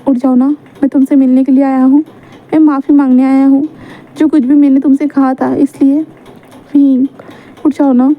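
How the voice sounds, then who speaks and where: A woman's voice: high voice, little pitch movement, moderate pace, phone-quality sound. A woman doing a remorseful young man. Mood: remorseful pleading. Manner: soft apologetic pleading.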